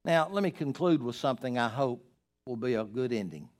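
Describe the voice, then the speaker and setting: An older man preaching a sermon as pastor, swinging between loud, emphatic lines and quiet, hushed ones. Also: medium pitch, animated, a little fast.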